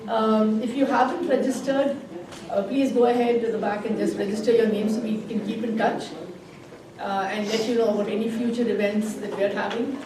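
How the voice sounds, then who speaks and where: A woman hosts a community event for an environmental group in a library room, introducing speakers with many fillers. Her voice is on the high side, level, and brisk, with a crowd behind her in a very echoey, noisy room, far from the mic.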